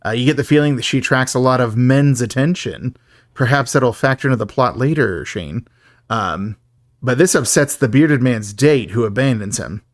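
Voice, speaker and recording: A man's voice: medium pitch, moderate pace, no room sound, studio quality. A man co-hosting a podcast, recapping a film in a chatty, joking way and laughing often. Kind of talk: casual chat.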